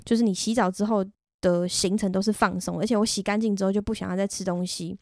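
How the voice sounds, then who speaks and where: A woman's voice: medium pitch, steady tone, fast, darkish tone, dry recording, clean studio sound. A woman with a Taiwanese Mandarin accent, hosting a podcast and telling a personal story in a candid, chatty, self-deprecating way. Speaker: podcast host. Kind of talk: casual personal storytelling monologue.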